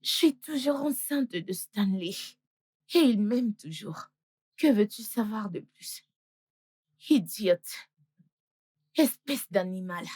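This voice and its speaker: A spiteful, taunting rival. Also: female voice, mid-range voice, lively intonation, slow, long pauses, a little mellow, breathy edge, no room sound, clean studio sound. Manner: mocking, insulting, triumphant.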